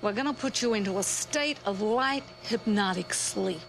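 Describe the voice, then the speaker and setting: A performer playing a smug, squeamish psychiatrist with slow, soothing hypnotist patter. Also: mid-range voice, vocal fry, natural voice, low-quality recording. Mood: soothing clinical. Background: music underneath.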